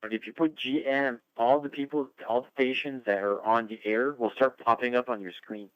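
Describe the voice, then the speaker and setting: A man's voice: medium pitch, steady tone, normal speed, smooth, no echo, dull audio. A man chatting casually as an amateur radio net controller over a two-way radio, rambling and friendly. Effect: two-way radio transmission.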